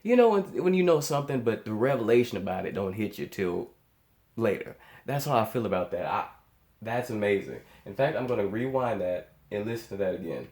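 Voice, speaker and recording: Animated and fairly quick, this music reaction host talks in a lowish, darkish voice that reverberates around him. His off-the-cuff commentary is casual and astonished, packed with repeated words and phrases.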